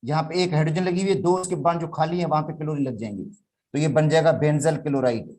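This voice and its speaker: A man's voice: a little high, fast, darkish tone. A man from Pakistan with a Sindhi accent, teaching chemistry in a classroom lecture and explaining step by step while calling his students "beta".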